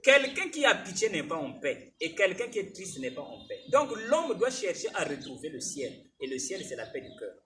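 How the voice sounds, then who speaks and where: Prédicateur animé, voix haute et vive. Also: male voice, high voice, moderate pace, few pauses, recorded from a distance, a little hiss or hum. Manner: animated, questioning the congregation. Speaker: preacher. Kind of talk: sermon.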